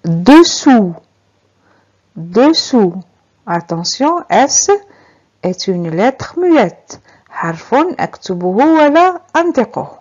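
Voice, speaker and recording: A woman's voice: fairly high pitch, very animated, a little slow, a little mellow. A woman teacher leading a beginners' reading lesson, spelling out letters and syllables one at a time and repeating each word. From Algeria. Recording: slightly dull lo-fi recording.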